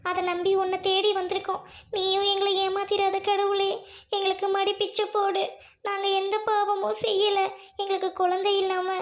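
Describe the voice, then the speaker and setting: A woman voicing a pleading childless wife. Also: very high voice. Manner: earnest, pleading. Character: grieving childless village wife, devout.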